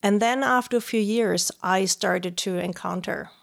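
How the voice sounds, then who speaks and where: A woman's voice: mid-range voice, measured pace, gravelly. A woman in her fifties from Germany, a political science professor, speaking in a thoughtful, earnest way in a podcast interview. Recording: music playing underneath.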